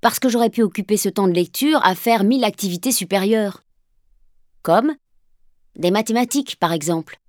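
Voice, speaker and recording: A woman's voice: medium pitch, moderate pace, darkish tone, no echo, studio quality, natural voice. A woman voicing a sullen, scornful teenage boy who answers in curt, dismissive retorts.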